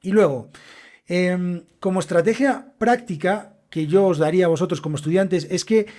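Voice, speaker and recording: A young man with a Castilian Spanish accent runs a solo podcast teaching Spanish, explaining things directly to his students. His voice is high-pitched with a dark tone, at a normal speed.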